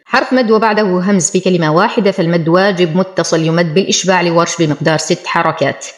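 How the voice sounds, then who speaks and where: A woman with a fairly low voice teaches Quran recitation step by step. She explains each pronunciation rule at a brisk clip, then recites the words slowly and carefully. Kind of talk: tajweed lesson with slow recited examples.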